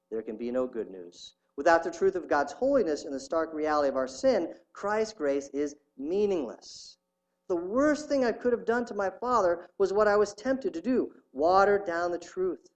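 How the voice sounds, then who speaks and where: A man's voice: a little high, expressive, moderate pace, low-quality recording. A man preaching a sermon, earnestly reading a story aloud to his congregation. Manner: reads a story aloud with rising intensity, earnest. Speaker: pastor.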